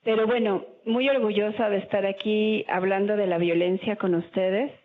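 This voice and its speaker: A woman's voice: medium pitch, fairly even intonation, normal speed. A woman joining a panel talk and introducing herself in a friendly way. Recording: tinny phone-like audio.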